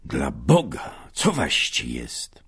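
Man doing a hot-headed noble soldier, drawn-out emphatic cries, very deep and husky. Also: wildly swooping pitch, a bit bright, full character voice. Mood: alarmed. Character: impetuous adult male noble soldier.

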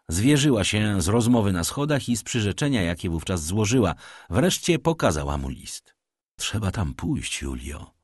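A man narrating a novel aloud in an expressive storytelling manner. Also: fairly low pitch, dry recording, studio quality. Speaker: audiobook narrator. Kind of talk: scripted literary narration.

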